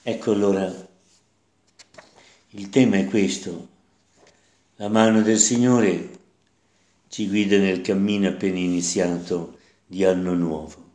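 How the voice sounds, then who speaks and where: A man delivers a sermon as a priest, reading scripture and then reflecting on it. He speaks at a very slow, deliberate pace and circles back over his own phrases. The recording carries the echo of a church room. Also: low voice, fairly even intonation, dark tone.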